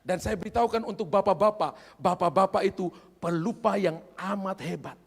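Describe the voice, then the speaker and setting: A man delivers a storytelling sermon, his voice high and gravelly. He acts out his characters' lines as he goes. The sound carries a long reverb from a large hall. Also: moderate pace. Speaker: pastor.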